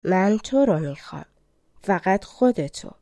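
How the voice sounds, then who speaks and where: A woman reading the lines of a clever young queen disguised as a lute player, calm and devoted, in her own mellow voice. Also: medium pitch, no echo, lightly acted. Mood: tender.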